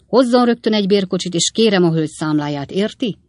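An audiobook reader voicing a hot-tempered old gentleman who rages and blusters at the people around him. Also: mid-range voice, expressive, dry recording, pitched above the performer's own voice, natural voice. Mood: furious. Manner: angry, blustering, loud.

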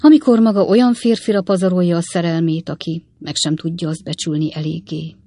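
A woman's voice: lowish voice, fairly even intonation, mellow, dry recording, studio quality. Woman voicing Mr. Jingle, theatrical male swindler. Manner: theatrical, clipped and declamatory.

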